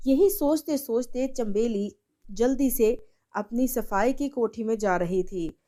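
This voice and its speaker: Female narrator for a cartoon tale, slightly high, mellow voice, steady delivery. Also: slow pace. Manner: plain, steady storytelling. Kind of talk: storybook narration.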